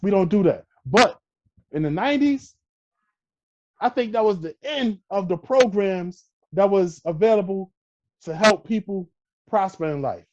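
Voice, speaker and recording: Emphatic Brooklyn man, high voice, dull audio. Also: expressive, unhurried. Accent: New York. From Brooklyn, New York. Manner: emphatic, peppers points with "all right" and "you know what I mean". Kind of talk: casual podcast conversation.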